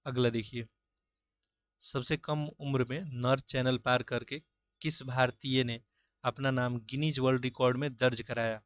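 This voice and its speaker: Man, exam tutor, mock-test review, monotone, steady explaining, dry close recording. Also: mid-range voice, unhurried, no room sound, muffled recording. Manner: steady, explanatory, repeats filler "jo hai". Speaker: exam-prep teacher. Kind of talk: going through mock-test answers.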